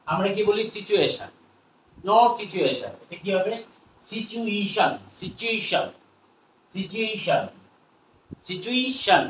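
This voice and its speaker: Bangladeshi guy teaching english sounds, real slow, repeats stuff a lot, echoey room, mic kinda far off. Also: fairly high pitch, fairly bright tone. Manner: slow, repetitive drilling with frequent questions to viewers. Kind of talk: pronunciation lesson. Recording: roomy sound from a distant mic with faint noise.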